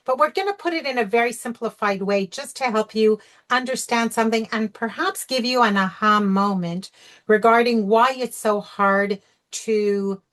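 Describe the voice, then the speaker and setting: Her voice is a little high and fairly bright, moving at a moderate pace as she coaches people through sugar-free recovery in an online workshop. She keeps it chatty, asking "okay?" and saying "you know," all picked up by a video call microphone.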